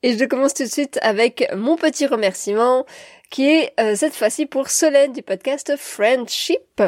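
A woman hosts a scripted podcast, speaking upbeat and directly to her listeners. Her voice sits high with a darkish tone at a measured pace, in a dry, studio-quality recording.

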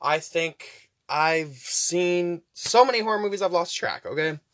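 A man's voice: a little high, lively intonation, measured pace, a bit bright, no echo. A man hosting a casual, rambling podcast, chatty and urging listeners on, pronouncing his R sounds weakly, close to W. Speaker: podcast host.

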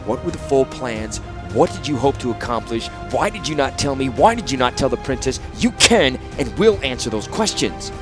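Man reading as a bitter grieving artificer, cold clipped questions, pitched up a bit from his narration, faint music behind. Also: sing-song, a little slow. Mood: icy. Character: grieving embittered male artificer, grown man. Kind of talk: audiobook character voice.

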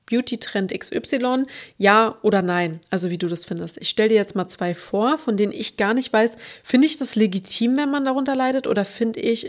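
A young woman chatting casually to camera as a beauty vlogger, talking in an animated way and often asking the viewer what they think. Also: mid-range voice.

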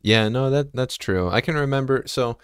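A man's voice: mid-range voice, clear, resonant tone, no echo, studio quality. A man in his twenties hosting a casual podcast interview, chatty and full of fillers like "like" and "you know". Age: 20s. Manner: chatty, filler-heavy, quick to laugh. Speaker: podcast host.

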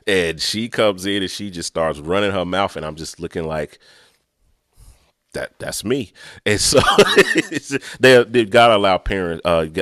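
A man's voice: deep voice, fairly bright tone, no room sound, clean studio sound. A middle-aged man hosting a podcast, talking in an earnest, reflective way with many restarts. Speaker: podcast host. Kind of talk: casual chat.

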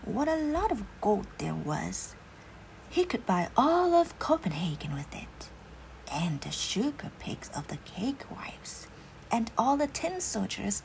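Whispering woman, slow gravelly storytelling, whispered role-play. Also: mid-range voice, a little hiss or hum, poor audio. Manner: hushed, unhurried storybook narration.

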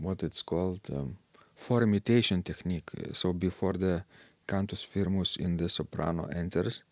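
A man with a very deep, gravelly voice talks through organ pieces at an unhurried pace. He pauses often and fills the gaps with hesitant ums. The sound is close and dry. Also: darkish tone, dry recording. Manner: slow and hesitant, with many fillers. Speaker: podcast co-host discussing organ music. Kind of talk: casual discussion.

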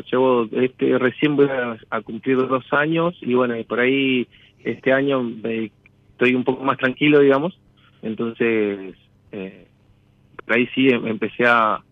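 A man's voice: mid-range voice, dry recording, narrow, tinny audio. A man speaking hesitantly and in a roundabout way as a caller in a personal consultation. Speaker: caller seeking a tarot consultation.

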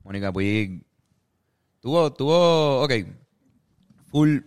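A man with a Puerto Rican accent chatting casually with friends on a podcast, relaxed and laughing, full of slang. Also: mid-range voice, takes it slowly, smooth, no echo, clean studio sound. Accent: Puerto Rican Spanish. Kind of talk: casual chat.

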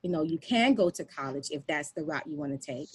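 A woman guest on a podcast explains her work with lively storytelling. She often stops to say "um" and "like." Her tone is casual and talkative. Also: low voice, a little fast, husky, poor audio. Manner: animated storyteller with frequent fillers. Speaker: podcast guest, nonprofit founder.

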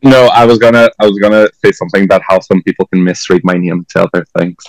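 Animated man with a Portuguese accent. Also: fast, dry recording, poor audio. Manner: animated, bursting into laughs and high exclaims. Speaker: podcast guest, drag performer. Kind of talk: casual chat.

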